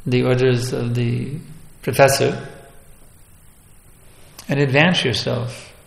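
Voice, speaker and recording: A man's voice: mid-range voice, steady tone, takes it slowly, gravelly. A man preaching a sermon, emphatic, asking rhetorical questions and repeating his points. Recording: echoey hall.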